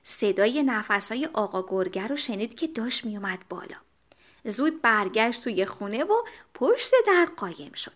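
High, lively woman telling a children's story. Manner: animated, expressive.

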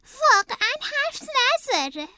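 A woman voicing an excitable, greedy young male bunny in a children's storybook, gushing with eager delight. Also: very high-pitched, no room sound, voice pushed up, heavily acted. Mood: excited.

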